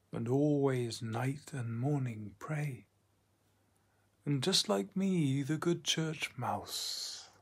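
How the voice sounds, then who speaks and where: Slow and hushed, a husky-voiced man of mid-range pitch reads verse aloud, his breathy tone often dipping into a near whisper. He phrases each line with care and leaves lengthy silences between them.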